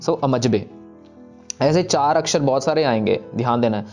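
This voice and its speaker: Young man, mid pitch, patient teacher, chants verses slowly, soft music bed. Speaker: teacher of scripture recitation. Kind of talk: step-by-step pronunciation lesson, slow chanted examples.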